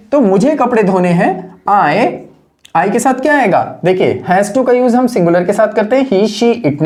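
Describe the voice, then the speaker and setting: A woman's voice: mid-range voice, a little mellow. Woman patiently explaining grammar rules. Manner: patient, asks and answers her own questions; slows down to stress key phrases. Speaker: English teacher. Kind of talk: classroom grammar lesson.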